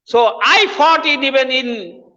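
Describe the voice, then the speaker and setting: A Bangladeshi man whose first language is Bengali speaks as a guest professor in an explanatory interview, laying out his views and repeating phrases for emphasis. His voice is very high-pitched, pushed and bright, and he talks a little slowly. The recording is dull and lo-fi, with long reverb.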